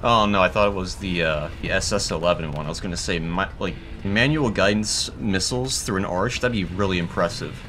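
A man's voice: deep voice, brisk, hardly any pauses, fairly bright tone, a little hiss or hum. A young man giving casual, dry and wry commentary over his own gameplay, laughing now and then. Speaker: gaming YouTuber.

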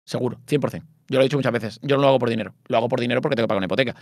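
Fast-talking man, swears a lot. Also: mid-range voice, no room sound, studio quality. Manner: swearing, animated and self-mocking. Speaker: streamer and interview guest. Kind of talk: casual interview chat.

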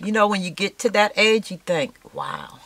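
Sitting indoors at a cluttered craft table, this craft vlogger in her sixties talks casually with her audience as she works, using lots of fillers and saying "yes" again and again. Her mid-range voice is creaky and fairly bright, at a normal speed, with a slight hiss or hum underneath.

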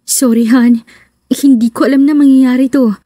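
A shy, flustered young wife speaks a little higher and quicker when she panics, as a woman narrator voices her. The sound is mellow and dry, read close for an audiobook. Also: fairly even intonation, dry recording. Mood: soft. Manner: nervous, stammering.

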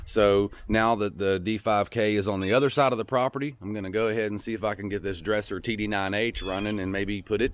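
Easygoing man vlogging outdoors. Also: lowish voice. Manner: easygoing, rambling, repeats himself. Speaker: channel host. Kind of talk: casual outdoor vlog. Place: outdoors on a rural farm field. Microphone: handheld camera at arm's length.

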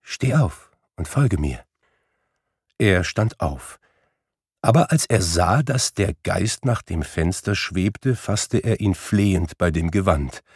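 A man reading a classic Christmas tale aloud in slow, measured narration. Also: sits low, expressive, slightly rough, no room sound, clean studio sound. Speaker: storybook reader. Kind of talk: audiobook narration.

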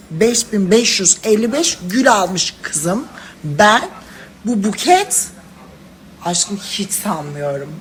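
A woman's voice: mid-range voice, a little hiss or hum. A woman talking to her followers in casual phone story clips, dramatic and gushing, calling them princesses and girls. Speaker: social media personality.

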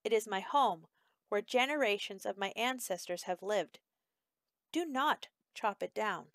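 A woman voicing a solemn male boa constrictor in a storybook reading, speaking low and hissing. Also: lively intonation, measured pace, no room sound, clean studio sound. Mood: warning.

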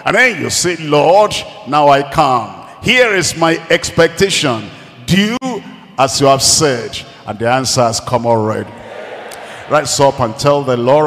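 A man delivers a sermon as pastor, with a slightly high voice and unhurried, emphatic phrasing. He leads call-and-response and repeats key lines. His voice rings out with a long reverb, as if in a large church hall. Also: a bit bright.

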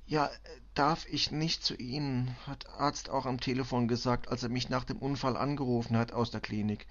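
A man voicing a distraught middle-aged female refugee cleaner who speaks halting, broken German with a Balkan accent, stammering and tearful. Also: medium pitch, steady tone, highs cut off, pitched above the performer's own voice, natural voice. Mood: shaken. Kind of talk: audiobook reading.

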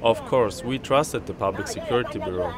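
A man giving interview testimony, his voice electronically distorted and deepened to hide his identity, speaking bluntly and accusingly. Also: a little fast, crowd noise. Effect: voice distorted to disguise identity, deep. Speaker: interviewee, resident.

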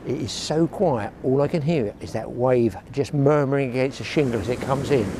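On a shingle beach, a chatty English fishing vlogger in his sixties fishes alone and talks casually to an action camera he holds close. He wanders from tips to grumbles with dry humour, speaking at a moderate pace in a medium-pitched, middle-register voice. Clear outdoor noise runs behind him.

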